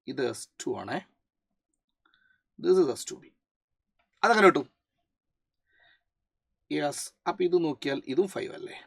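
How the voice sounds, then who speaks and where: The voice is mid-range, creaky and edged with breathiness. It belongs to a physics teacher with a Malayali accent who explains a problem, using English for technical terms and regularly checking understanding with quick questions, in a dry recording with almost no echo.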